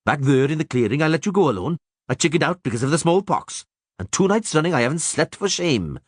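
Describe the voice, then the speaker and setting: Man voicing a loud, raised-pitch dwarf with a rough, husky grain, blunt and brash, dry booth sound. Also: sing-song, fast talker, no room sound. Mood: determined. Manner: blustering and brash, with folksy words. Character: gruff, blunt, bold male dwarf warrior.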